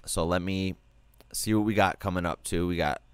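A laid-back man with a deep, smooth and clear voice chats casually over a video call, full of fillers and casual swearing. The sound is dry and close. Faint music plays underneath. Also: steady tone, normal speed, no room sound. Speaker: stream host reviewing music submissions. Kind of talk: casual chat.

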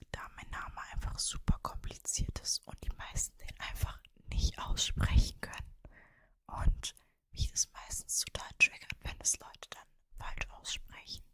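A woman in her early twenties with a Mannheim German accent, whispering casually in an ASMR style, very close to the microphone. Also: pushed and bright. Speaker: ASMR creator and streamer. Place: cosy bedroom, indoors. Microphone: desktop microphone, very close.

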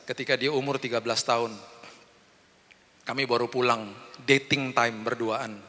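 A man's voice: medium pitch, flat delivery, moderate pace, bright, forceful tone. A middle-aged man preaching a sermon as pastor, telling personal stories, acting out the voices in them and speaking directly to his congregation. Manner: personal storytelling that acts out the voices in the dialogue. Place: large church hall. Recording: long hall reverb from the church.

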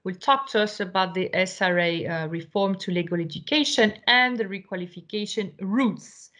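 A woman's voice: mid-range voice, normal speed, fairly bright tone. A woman moderating a webinar over a video call, introducing the speaker with a hesitant manner and frequent fillers.

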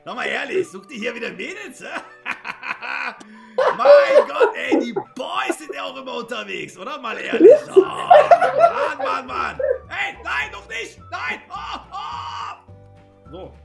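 A man voicing a cheeky male banana puppet that shouts, laughs and teases strangers in a prank video chat. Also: extremely high pitch, wildly swooping pitch, slow, creaky, over music, voice pushed up, exaggerated voice. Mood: rowdy teasing.

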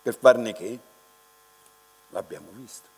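Slow, unhurried older man lecturing in a hall. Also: on the low side, creaky, breathy edge. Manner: unhurried and reflective, with many pauses and restarts. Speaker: art restorer giving a lecture. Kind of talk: slow, unscripted lecture to an audience. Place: large dark lecture hall, standing at a lectern. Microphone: lectern microphone. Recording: reverberant lecture hall with mains hum.

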